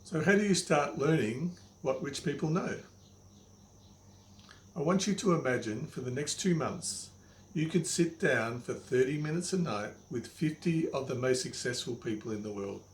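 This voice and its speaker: A man's voice: medium pitch, expressive, moderate pace. An older man giving a motivational lesson straight to the listener like a wise old mentor, plain-spoken and didactic, repeating key phrases for emphasis. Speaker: money coach, presenter. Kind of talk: motivational instructional monologue to the viewer. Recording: echoey room, faint background noise.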